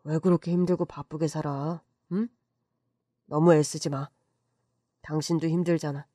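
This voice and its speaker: A man voicing a gentle late husband who comforts his widow in a dream, speaking tenderly and soothingly. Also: a little high, level tone, moderate pace, no room sound, studio quality, natural voice. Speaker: voice actor in a narrated story.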